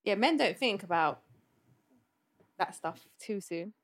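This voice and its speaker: Female podcast co-host, mid-pitched voice, earnest and reflective with hesitant restarts. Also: animated, slow. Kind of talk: casual chat.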